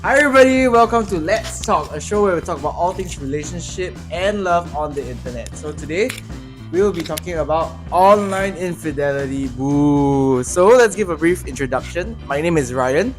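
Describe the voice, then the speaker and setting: A man's voice: fairly high pitch, expressive, moderate pace, music in the background. A man, hosting a casual group discussion in a playful way. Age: 20s. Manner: playful, drops into mumbles and laughs. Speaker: host.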